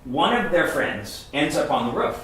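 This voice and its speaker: A man preaching a sermon, telling a story in short phrases and pausing for his interpreter. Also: on the high side, animated, a bit bright, slight background noise. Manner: storytelling, pauses line by line for the interpreter. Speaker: guest pastor. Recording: very echoey church hall.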